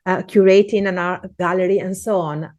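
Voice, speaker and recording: A woman with an Italian accent hosting a casual interview chat, animated and talkative, laughing often. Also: on the low side, normal speed, no room sound, muffled recording. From Italy. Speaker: podcast host.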